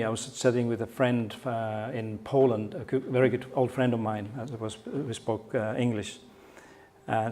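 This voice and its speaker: In a conference hall, a middle-aged keynote speaker from Finland talks in a mellow, mid-range voice with a Finnish accent. His delivery is warm and humorous, though he frequently starts sentences over.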